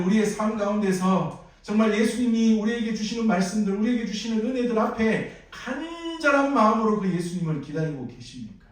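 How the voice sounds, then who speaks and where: A male pastor with a Gyeongsang accent preaching a sermon, putting questions to the congregation. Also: sits high. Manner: animated, asks the congregation questions. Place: church sanctuary. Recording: echoey sanctuary from far off.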